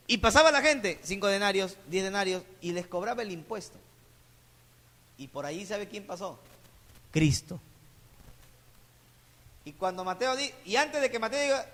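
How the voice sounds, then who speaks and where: A man's voice: sits high, bright, forceful tone. A man with a Peruvian Spanish accent preaching a sermon as pastor, firing rhetorical questions at the congregation. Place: church sanctuary. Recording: church hall reverb.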